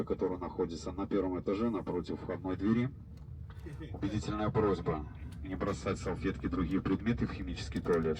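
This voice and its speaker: A man from the bus crew making a formal passenger announcement over the bus PA loudspeaker, reciting the rules in a measured, official way. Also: sits low. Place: inside a moving bus. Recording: noisy bus cabin over the PA.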